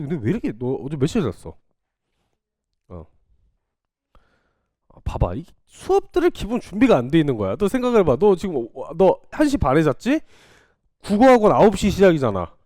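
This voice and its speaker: A man's voice: fairly high pitch, mellow, no echo, studio quality. A man teaching a math class in a small classroom, chatting and teasing his students playfully between problems. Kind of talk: casual classroom lecture.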